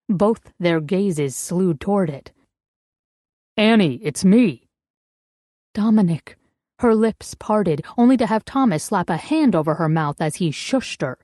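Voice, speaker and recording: A woman narrating an audiobook in a measured, even storytelling manner. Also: on the low side, dry recording, studio quality. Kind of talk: scripted narration.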